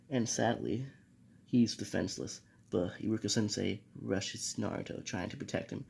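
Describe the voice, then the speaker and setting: Gravelly young man telling a fan story. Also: on the low side, dark tone. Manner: rambling with many fillers and restarts. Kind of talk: casual fan story narration.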